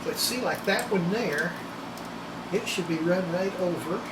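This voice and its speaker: Working on a radio repair of their own, an older restorer talks through the hands-on job in a relaxed, folksy style, muttering to themselves now and then inside a small, cluttered indoor electronics workshop. Their medium pitch and unhurried pace come through an echoey room with heavy background noise.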